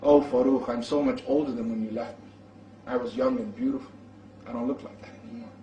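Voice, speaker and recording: A man voicing a devout, wise older wife who gently questions her husband. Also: a bass voice, sing-song, brisk, muffled recording, full character voice. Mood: wistful. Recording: echoey, from far off the mic.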